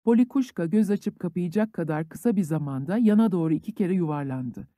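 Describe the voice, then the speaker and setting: Calm male audiobook narrator, mellow tone. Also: high-pitched, dry recording, studio quality. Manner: calm, even storytelling.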